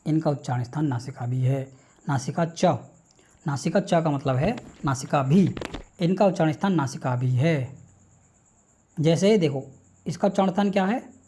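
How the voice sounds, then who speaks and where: Mellow-voiced teacher drilling speech sounds. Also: male voice, a little high, normal speed, long pauses, breathy edge. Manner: asks questions and answers them himself; drills sounds by reciting them one by one. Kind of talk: classroom lecture on phonetics.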